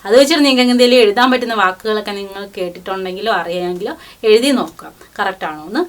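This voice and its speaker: A woman giving a language lesson. She teaches patiently, reading each syllable out slowly and repeating it. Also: fairly high pitch, fairly bright tone.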